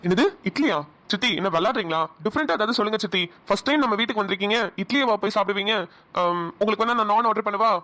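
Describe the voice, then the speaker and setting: A woman voicing a teasing, easygoing young husband in a cartoon, speaking lower than her own voice. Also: racing, a bit bright, natural voice. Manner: teasing, chatty.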